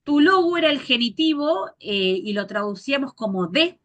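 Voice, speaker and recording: A woman teacher gives a grammar lecture, patiently repeating forms slowly and spelling out endings. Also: high voice, lively intonation, fairly bright tone.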